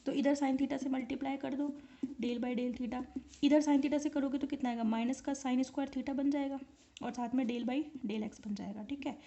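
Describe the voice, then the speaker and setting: A woman's voice: high-pitched, fairly even intonation, moderate pace, gravelly, warm tone. A woman teaching an online physics lecture, explaining step by step and often checking whether students follow. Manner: explains step by step and keeps asking the class if they follow.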